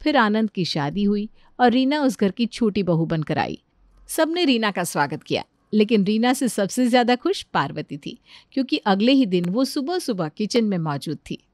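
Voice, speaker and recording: Woman narrator, calm storybook read, dry close sound. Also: mid-range voice, moderate pace, no room sound. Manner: even, storytelling delivery.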